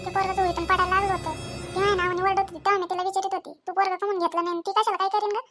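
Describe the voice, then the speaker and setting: A woman voicing a sharp village mother-in-law who scolds and keeps demanding answers. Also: very high-pitched, little pitch movement, very fast, over music. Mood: scolding.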